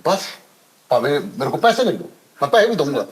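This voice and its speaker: A man with a Punjabi accent playing a show-off donor, smoothly justifying himself in a comedy interview. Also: a little high, big pitch swings, fairly quick, poor audio.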